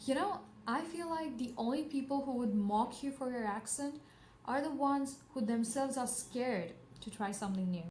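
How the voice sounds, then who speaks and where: A woman's voice: high-pitched, normal speed, a little mellow. A woman vlogger talking earnestly and conversationally to the camera, encouraging her viewers. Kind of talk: reflective monologue to camera. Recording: echoey room with faint background noise.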